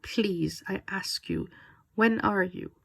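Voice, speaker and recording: A woman voicing a desperate German man with a thick German accent, speaking urgent, halting English. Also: medium pitch, creaky, husky, no echo, full character voice. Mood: pleading. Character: desperate German man calling over radio static.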